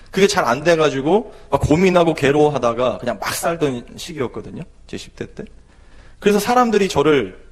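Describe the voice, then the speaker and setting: Male preacher, thirties, church sermon; animated, slightly high voice, emotional and pleading at peaks. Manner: emotional, rising to pleading intensity. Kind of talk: sermon testimony. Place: church sanctuary.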